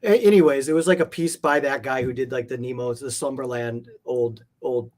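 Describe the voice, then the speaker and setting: As a guest in a laid-back interview, a man who collects art talks at length, musing and eager by turns. He speaks fairly quickly in a medium pitch with fairly even intonation and a darkish tone.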